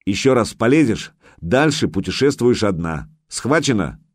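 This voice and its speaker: Man doing a gruff, curt young man. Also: on the low side, sing-song, normal speed, no room sound, clean studio sound. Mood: angry. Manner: curt, growling.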